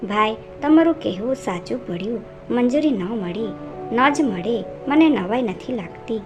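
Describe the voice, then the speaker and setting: A woman reading the lines of a calm, steadfast young man in a storybook narration, respectful and composed. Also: a little high, a little slow, dull audio. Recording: narration over music.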